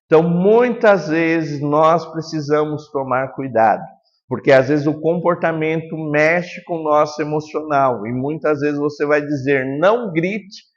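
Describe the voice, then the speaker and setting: Calm pastor with a raised voice. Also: male voice, on the high side, measured pace, long reverb tail, muffled recording. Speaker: pastor teaching children's ministry workers. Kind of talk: teaching lesson.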